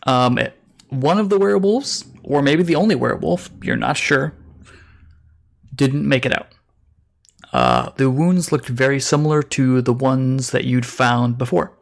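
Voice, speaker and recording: A man's voice: mid-range voice, lively intonation, moderate pace, gravelly. A man running a tabletop role-playing game as game master, talking casually with many hesitations.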